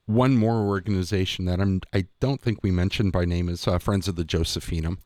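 A man's voice: deep voice, steady tone, fairly quick, a little mellow, dry recording. A man hosting a radio show, moving between conversational remarks and announcements.

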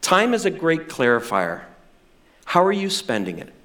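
A middle-aged male pastor preaching a sermon with animated, self-deprecating humor. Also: on the high side, normal speed.

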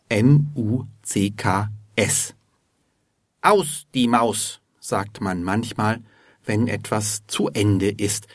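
A man narrating a scripted language lesson, explaining words in a measured way and spelling some of them out letter by letter. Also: medium pitch, dry recording, clean studio sound. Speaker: language teacher.

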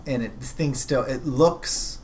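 A game master running a tabletop roleplaying game improvises narration for a scene. His medium-pitched, slightly mellow voice comes out halting and conversational, and he often rephrases mid-sentence.

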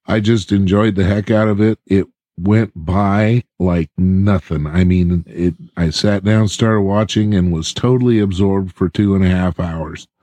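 A man co-hosts a podcast, telling his view in a relaxed, measured way. His voice is low, mellow and dark. The sound is dry and close. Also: no echo. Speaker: podcast co-host. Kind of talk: casual podcast chat.

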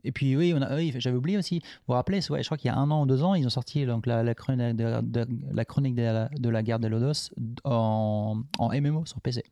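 A man's voice: mid-range voice, quick pace, hardly any pauses, mellow, no echo. A man co-hosting a casual video game chat, rambling with restarts and fillers. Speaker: podcast co-host.

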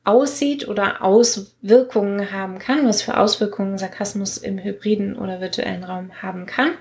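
Woman on a podcast, earnest and chatty, mid pitch, explains stuff with lots of fillers. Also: steady tone, normal speed, a little mellow. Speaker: podcast co-host. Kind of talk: casual podcast talk.

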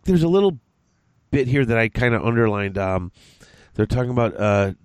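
A man hosting a podcast with a cold, congested and talking in halting, rambling chat. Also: mid-range voice, a little mellow, dry recording. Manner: rambling, halting, many restarts. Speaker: podcast host.

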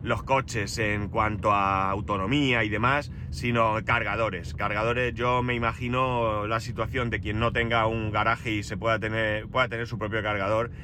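A man's voice: on the low side, level tone, normal speed, hardly any pauses, pushed and bright, a little hiss or hum. A middle-aged man from Spain with a Spanish accent and a head cold, giving a casual, wry, grumbling personal monologue as a podcast host. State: has a head cold with runny nose.

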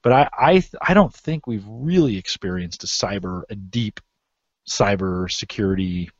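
Male show host, casual and rambling, low-pitched, dry muffled recording. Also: measured pace, no echo. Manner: rambling, many restarts and fillers. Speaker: podcast host. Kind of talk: casual discussion.

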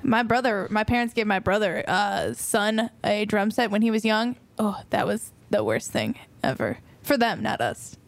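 A woman's voice: medium pitch, animated, moderate pace, creaky, few pauses. A woman chatting casually on a podcast, rambling through stories.

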